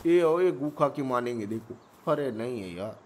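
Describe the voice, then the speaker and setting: A man giving playful gameplay commentary, excitable and joking, with frequent exclamations. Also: medium pitch, normal speed. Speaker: gamer.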